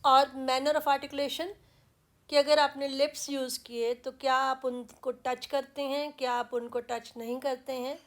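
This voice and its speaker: A woman's voice: high voice, flat delivery, measured pace, fairly bright tone. A woman from India with an Indian English accent, teaching English pronunciation patiently and repeating example words with care.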